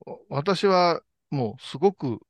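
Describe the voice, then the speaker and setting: A man's voice: fairly high pitch, lively intonation, measured pace, no echo. A man with a Kansai accent chatting casually as a talk show host, telling things in a gossipy, colloquial way. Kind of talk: casual chat.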